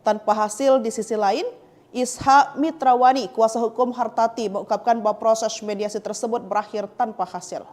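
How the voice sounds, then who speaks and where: A woman reading a scripted news report in an even, formal manner. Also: a little high, normal speed. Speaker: news narrator.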